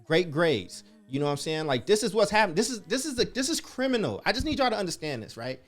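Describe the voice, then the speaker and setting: A man's voice: sits high, sing-song, fast. A man from the Chicago area, raised in Oakland, hosting a casual virtual happy hour and talking in an emphatic, slangy way. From born in Chicago area, raised in Oakland. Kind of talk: casual livestream chat reading comments.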